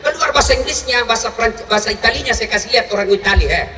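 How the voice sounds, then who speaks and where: A male preacher giving a humorous sermon and quizzing his listeners directly in a lively, joking way. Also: very high voice, racing, noisy background. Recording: echoey hall, voice from far off, faint ambience.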